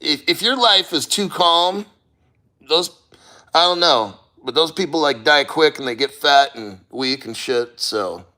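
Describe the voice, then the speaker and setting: A man with a slightly high, forceful voice chats casually to livestream viewers. He speaks slowly and haltingly, clearing his throat and sounding strained by cold. His manner is blunt and peppered with swearing. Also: expressive. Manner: halting, sighing, throat-clearing while enduring icy water. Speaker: livestreamer reading viewer comments.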